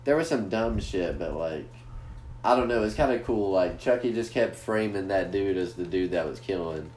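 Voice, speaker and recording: A man's voice: low-pitched, expressive, moderate pace, darkish tone. A man hosting a casual podcast, rambling crudely and swearing a lot. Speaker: podcast host. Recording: echoey room with faint noise.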